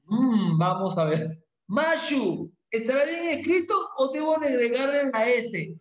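A male English teacher teaches a class in a playful, animated way and quizzes his students. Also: very high-pitched, a little slow, echoey room, low-quality recording. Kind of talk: classroom lesson.

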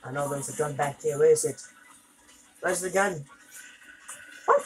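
A woman's voice: low voice, measured pace, poor audio. A woman commenting on her gameplay as she plays, frustrated, exclaiming and cursing at the game. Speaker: gamer.

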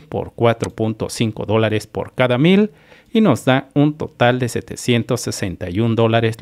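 Over a screen recording, a Mexican YouTube host methodically walks his viewers through earnings, repeating himself and addressing them directly. His voice is mid-range and a little mellow.

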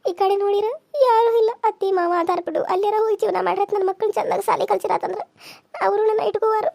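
A woman's voice: very high voice, fairly even intonation, brisk, darkish tone, no echo, clean studio sound. A woman voicing a young widowed village mother who pleads and sobs as she complains, with a North Karnataka accent. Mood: sobbing. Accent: North Karnataka Kannada. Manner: tearful, pleading, sobbing complaint. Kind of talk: cartoon serial dialogue.

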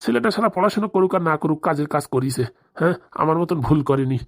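A woman's voice: sits low, lively intonation, fast talker. A woman voicing a meek, henpecked old village husband in a comic cartoon, placating and backpedaling.

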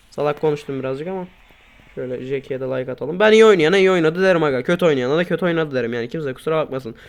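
A gaming YouTuber with a slightly high voice gives casual gameplay commentary, grumbling and swearing at his teammates before erupting in sudden loud outbursts.

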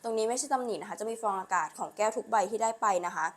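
Woman live seller pitching nonstop. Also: racing. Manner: repetitive, urging hard sell with frequent polite particles. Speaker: live-stream online seller.

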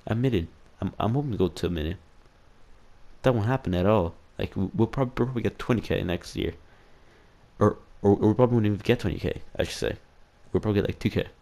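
A man's voice: fairly low pitch, fast, dark tone. A man hosting a casual year-in-review vlog, rambling, swearing and mocking himself, tagging "dude" onto nearly every sentence. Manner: rambling, profane and self-mocking, keeps saying "dude". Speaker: channel host.

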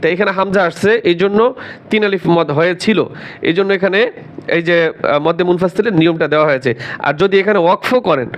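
A man teaching Quran recitation, spelling words out letter by letter, quizzing learners, and chanting verses slowly and drawn out. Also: high voice. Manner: drills letter by letter, asks learners questions, slow drawn-out chanting.

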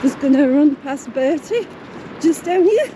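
A woman's voice: high voice, expressive, measured pace, background noise. A woman, chatting casually to camera as a vanlife vlogger, talking to her dogs and viewers. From England. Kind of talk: casual vlog chat. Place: inside a motorhome, then outdoors on a seafront promenade.

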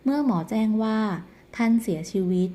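A woman narrating the plot of a television drama episode in a steady storytelling manner. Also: fairly high pitch, normal speed.

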